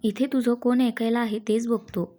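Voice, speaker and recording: A woman's voice: fairly high pitch, flat delivery, normal speed, dark tone, lightly acted. Woman reading a teasing young husband. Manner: playful, coaxing.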